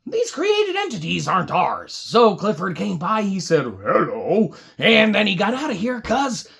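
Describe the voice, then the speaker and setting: With a gravelly, husky voice of medium pitch, a woman makes up a children's puppet story as she goes. Her delivery is sing-song and a bit bright at a normal speed, and she chats with viewers in a playfully weary manner.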